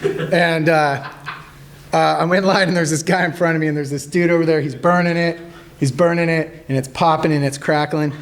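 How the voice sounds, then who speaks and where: A man in his thirties, an army veteran, telling stories casually to a group, joking and halting with many fillers. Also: a little high. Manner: jokey, animated when acting out quotes.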